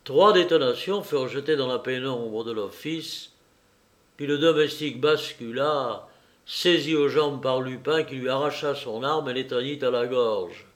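A man narrating an audiobook in a measured, unhurried reading. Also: mid-range voice.

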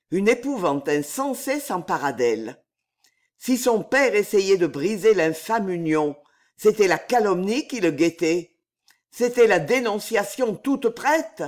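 Dramatic storyteller, slow and lilting, reads a period novel. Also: mid-range voice. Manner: dramatic, expressive. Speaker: audiobook narrator. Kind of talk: scripted narration of a historical novel.

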